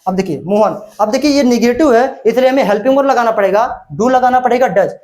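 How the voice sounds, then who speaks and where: A man's voice: very high voice, fast, darkish tone. Teacher quizzing his class. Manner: asks the class questions and answers them himself, repeats key words. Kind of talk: classroom-style grammar lesson.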